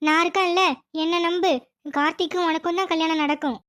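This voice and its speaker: A woman voicing a fussy, scolding mother in a cartoon, loud with exclamations. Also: very high-pitched, fairly even intonation, fairly quick. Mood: worried.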